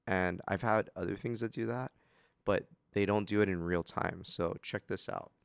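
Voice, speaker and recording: A man's voice: deep voice, fairly even intonation, moderate pace, vocal fry, smooth, dry recording. A man co-hosting a casual music producers' chat from a home studio room, joking and asking eager questions. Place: small home room with fan. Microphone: home studio mic on video call.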